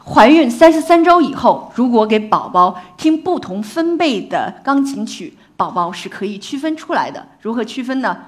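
A woman scientist giving a public talk on infant language learning in a lively, engaging way, often putting questions to the audience. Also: on the high side, normal speed, few pauses.

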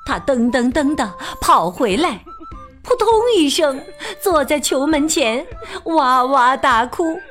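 A woman reading a children's picture book aloud in a slow, expressive, sing-song way. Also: high-pitched, faint music behind. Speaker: storyteller.

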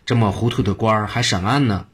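A man's voice: fairly low pitch, quick pace, slightly rough. A man voicing a cheeky brothel woman posing as an imperial concubine in a told story. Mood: sassy. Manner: sassy and cheeky.

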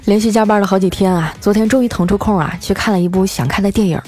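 A woman's voice: medium pitch, a crowd in the background, background noise. Chatty woman hosting a comedy podcast. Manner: lively, chatty, drawn-out filler particles. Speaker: podcast host. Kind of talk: scripted comedic storytelling. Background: faint background music.

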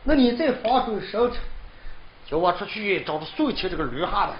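A storyteller voicing a gruff, bossy old man who scolds and bargains, with a Northern Shaanxi accent, in traditional storytelling style. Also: medium pitch, big pitch swings, brisk, natural voice. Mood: soothing, blustering. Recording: dull lo-fi recording with loud string accompaniment.

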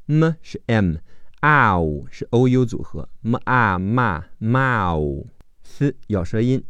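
Slow, lively-voiced man teaching phonics. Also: lowish voice, dry recording. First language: Chinese. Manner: slow, drawn-out model pronunciations of each word. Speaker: English teacher. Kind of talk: phonics vocabulary lesson.

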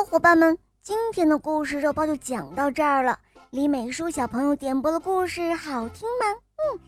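A woman narrating a children's picture book, gentle and expressive, talking to young listeners. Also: sits high. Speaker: children's storyteller. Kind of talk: storybook narration.

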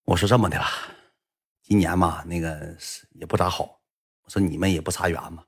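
A man's voice: sits low, steady tone, a little fast, slightly rough. A young man with a Northeastern Mandarin accent telling stories in a blunt, chatty way on a livestream. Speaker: livestream storyteller. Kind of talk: casual storytelling livestream.

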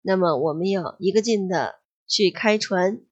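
A woman teaching an English exam lesson, explaining slowly and patiently and repeating key words. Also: mid-range voice, husky, dull audio. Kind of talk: exam-prep grammar and vocabulary lesson.

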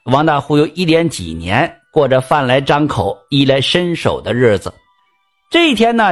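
A man with a Northeastern Mandarin accent tells a folk tale in a relaxed, folksy manner, dropping asides to the listener. His speaking voice sits a bit on the high side. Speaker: storyteller.

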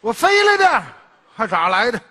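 An actor playing a stingy, loud-mouthed rural cousin visiting the city, teasing and quick-witted in a Northeast Chinese accent. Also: male voice, extremely high pitch, big pitch swings, big-room sound, exaggerated voice. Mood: bantering. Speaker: comedy sketch performer. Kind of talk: comedy sketch dialogue.

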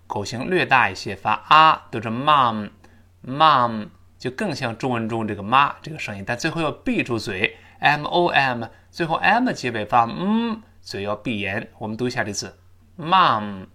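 A man teaching an English lesson, drilling pronunciation with slow, emphatic repetitions. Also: mid-range voice, expressive, pushed and bright.

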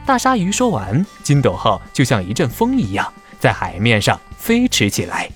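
A man narrating a scripted children's story in a dramatic, expressive way. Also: medium pitch, moderate pace, soft background music.

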